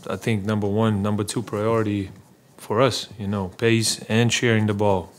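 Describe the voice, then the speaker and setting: Seated at a table mic in a small press room, a basketball player answers questions after the game. He speaks in a low, flat voice, hesitantly, with lots of fillers and repeated words.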